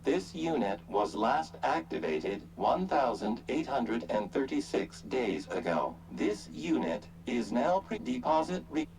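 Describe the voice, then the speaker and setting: A man's voice: medium pitch, sing-song, a little slow, creaky, hardly any pauses, a little mellow, a little hiss or hum, low-quality recording. A man voicing a stiff, glitching vending robot in a video game, speaking in a clipped, announcing way and breaking off words like a computer processing.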